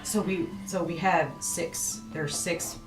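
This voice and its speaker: Deep-voiced woman player, distant. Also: steady tone, takes it slowly. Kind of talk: casual table talk. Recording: roomy and distant with background music.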